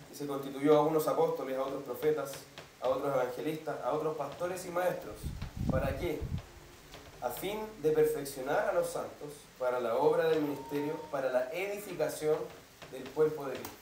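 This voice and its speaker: A pastor's slightly high, darkish voice carries from a distance across an echoey, reverberant church hall as he delivers a teaching sermon. He explains doctrine patiently, stopping again and again to ask "¿cierto?" and make sure the congregation follows. A faint room hum lies beneath his speech.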